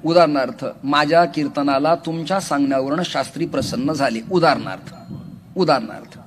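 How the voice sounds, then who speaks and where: Lively joking male kirtan preacher. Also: a little high, brisk. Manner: animated, jokes with the crowd, often raises his voice. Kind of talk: humorous devotional kirtan sermon. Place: large outdoor religious gathering.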